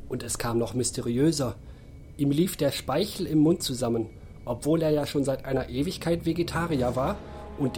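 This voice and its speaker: Mellow male audiobook narrator. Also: mid-range voice. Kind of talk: audiobook reading.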